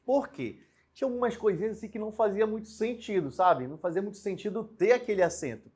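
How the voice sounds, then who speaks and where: A young man with a fairly high voice teaches a recorded grammar lesson. He explains with lively, varied emphasis and keeps asking the viewer questions, often tagging lines with a quick "né?". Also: breathy edge. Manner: lively, explanatory, with frequent rhetorical questions and tag "né?".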